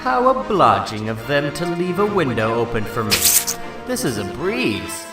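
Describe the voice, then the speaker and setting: A man acting a cocky, quick-tempered teenage superhero in a dramatic comic book reading, brash and wisecracking. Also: medium pitch, wildly swooping pitch, loud music behind the voice.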